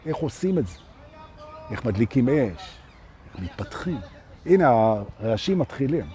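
A man giving a live spiritual talk to an audience, asking rhetorical questions and swinging between loud and soft. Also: mid-range voice, big pitch swings. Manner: rhetorical, keeps asking "right?". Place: outdoors with street noise.

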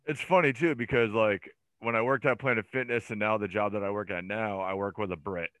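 A man's voice: fairly low pitch, fairly even intonation, a little fast, a bit bright, no echo. A man chatting as a podcast guest, rambling through stories with lots of fillers and restarts. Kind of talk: casual chat.

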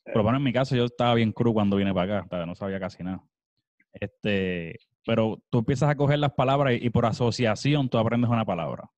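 A man's voice: fairly low pitch, quick pace, darkish tone, no room sound, highs cut off. A man from Puerto Rico with a Puerto Rican Spanish accent, hosting a casual podcast conversation and rambling with many restarts. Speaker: podcast host.

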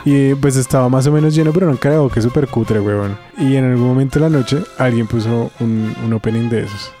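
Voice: mid-range voice, fairly quick, dark tone, soft background music. A speaker in casual chat, teasing the others and swearing freely.

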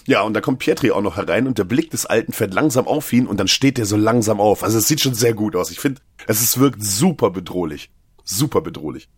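A man's voice: lowish voice, fast talker, hardly any pauses, slightly rough, no room sound. A man co-hosting a podcast, casually retelling a film's plot and briefly acting out the characters' lines amid filler words. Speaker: podcast co-host. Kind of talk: casual film recap.

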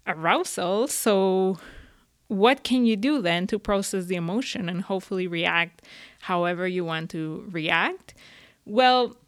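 A woman's voice: mid-range voice, smooth, no echo, studio quality. Chatty woman giving casual advice. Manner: chatty, uses many fillers, laughs often. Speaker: self-help speaker.

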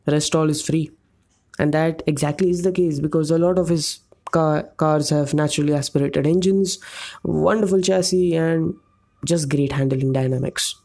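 Casting: male solo podcast host, warm mellow tone, casual monologue that wanders and gropes for words. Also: a little high, creaky. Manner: rambling and loose, searching for words mid-sentence.

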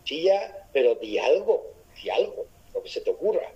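A man's voice: a little high, sing-song, moderate pace, mellow, breathy edge, highs cut off, heavily acted. A man doing a patient, instructive father. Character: patient father teaching his son.

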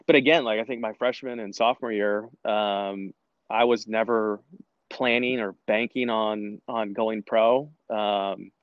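A man chats about his soccer years in a low, unhurried voice full of restarts and fillers. The sound is dry and a bit muffled, with no room around it. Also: fairly even intonation, dry recording. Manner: rambling, many restarts and filler words. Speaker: former college soccer player, guest. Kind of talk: casual interview conversation.

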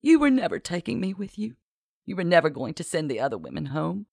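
A storybook reader voicing Genevieve, an earnest young woman captive, in a high pleading voice. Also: big pitch swings, brisk, creaky, a little mellow, no room sound, studio quality. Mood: tearful.

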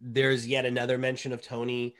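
A woman's voice: a bass voice, completely flat delivery, brisk. A woman with a cold on a podcast, sneezy and teasing, chatting casually. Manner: teasing, talks through a stuffy sneezy nose. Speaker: podcast co-host. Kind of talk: casual chat.

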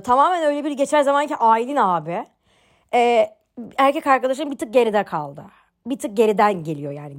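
A young woman chats her way through a personal story in a casual podcast monologue. She pokes fun at herself and her voice jumps up and down as she tells it. Her voice sits a little above the usual for a woman. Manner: chatty and animated, mocks herself, swings in pitch. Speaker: podcast host.

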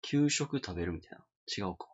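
A man in casual chat with a Kansai Japanese accent, guessing answers and exclaiming loudly, joking along. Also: lowish voice, animated, brisk, slightly rough. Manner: loud exclaiming guesser, jokey. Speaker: podcast co-host guessing answers. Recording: dull lo-fi podcast audio.

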